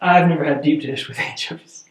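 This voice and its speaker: A man hosting, joking in a dry, deadpan way and announcing details. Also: a little high, brisk, reverberant. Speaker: host. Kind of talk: casual chat and promo announcement.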